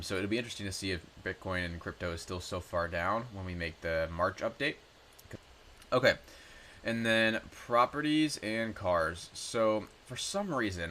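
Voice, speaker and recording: In a relaxed, chatty screen-share walkthrough, a personal finance YouTuber in his twenties goes over his numbers, often saying um and correcting himself. His voice is low and cold-roughened, though it stays bright and forward, over a faint background hiss.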